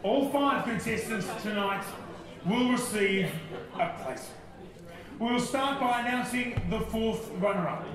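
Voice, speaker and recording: A man's voice: sits high, expressive, a little slow, distant mic, crowd noise. A man speaking as a pageant host, announcing formally to a large room in a projected delivery. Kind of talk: formal stage announcing of results. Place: large ballroom stage with audience. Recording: echoey hall PA from afar, music behind. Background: loud music.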